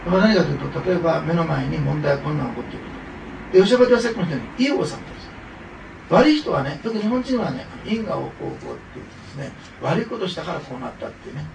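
A man with a fairly high, gravelly voice preaches at a racing clip, sounding animated as he talks with his congregation in an offhand way, using many fillers and asides. He's a pastor in a church hall, recorded from a distance amid echo and a noisy background.

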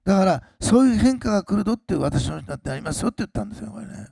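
A pastor preaching a sermon, swinging between loud, slowed emphasis and quiet, low asides to the congregation. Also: male voice, sing-song, gravelly, breathy edge, no echo, studio quality.

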